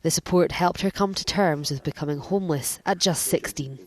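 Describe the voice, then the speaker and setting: A woman's voice: low voice, moderate pace. A woman narrating a scripted news report as a reporter.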